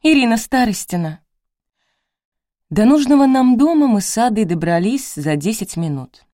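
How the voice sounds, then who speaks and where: A woman narrating an audiobook in the first person with brisk, ironic storytelling. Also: on the high side, big pitch swings, dark tone, dry recording, clean studio sound.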